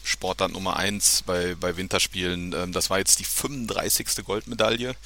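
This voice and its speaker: Bright low-voiced male sports reporter. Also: fairly even intonation, normal speed, gravelly. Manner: hesitant with many fillers and repeated words. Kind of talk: podcast interview.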